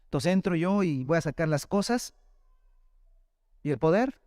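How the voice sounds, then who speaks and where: A man's voice: on the high side, expressive, moderate pace, darkish tone, no room sound, clean studio sound. A man with a Mexican accent, a pastor preaching a sermon through a personal testimony, talking in a conversational storytelling way and often addressing listeners as brother. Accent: Mexican Spanish.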